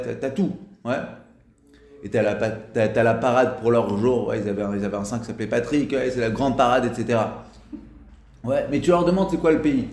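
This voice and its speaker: A man talks through a religious lesson in a casual, unscripted way. He stumbles and restarts his sentences often, his voice sits at an ordinary middle pitch, and the room adds a clear echo. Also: a little mellow. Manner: halting, with frequent restarts and "ouais" fillers.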